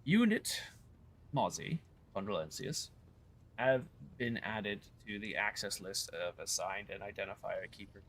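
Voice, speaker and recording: A man's voice: fairly low pitch, animated, fairly bright tone, a little hiss or hum, pitched below the performer's own voice. A man doing a formal machine servitor with a Spanish accent. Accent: put-on Spanish. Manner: slow, halting formal reading.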